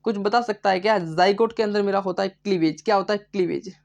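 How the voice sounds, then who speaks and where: A man's voice: sits high, fast, vocal fry, a little mellow, muffled recording. A male biology teacher giving a live online lecture, asking questions and answering them himself, repeating each key term. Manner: chatty, addresses students as bhai.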